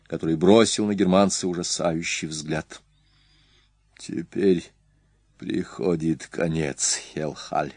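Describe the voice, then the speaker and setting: A male reader telling a tale in measured, expressive narration. His voice is on the low side and he takes his time with every line. The recording is dry with no room sound. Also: no echo. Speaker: audiobook reader. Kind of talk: scripted narration.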